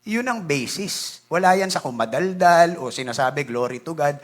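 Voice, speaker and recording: A male pastor from the Philippines preaching a sermon in an animated way, switching between Tagalog and English and acting out church members. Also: a little high, moderate pace. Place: church sanctuary.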